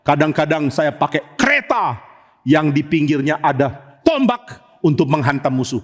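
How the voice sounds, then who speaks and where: A man's voice: on the high side, big pitch swings, normal speed. A man voicing a proud cavalry soldier who declares his unit's strength. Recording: echoey church hall.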